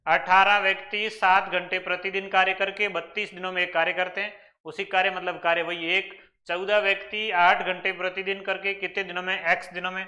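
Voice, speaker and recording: A man with a Rajasthani accent gives an exam-prep maths lesson. His voice sits high and sounds bright and forceful. He walks through each problem step by step, posing questions and answering them himself. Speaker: maths teacher.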